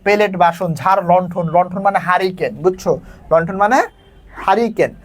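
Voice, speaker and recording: A man's voice: high voice, fairly even intonation, moderate pace. A man teaching a casual exam lesson, explaining a story and often checking that his students follow.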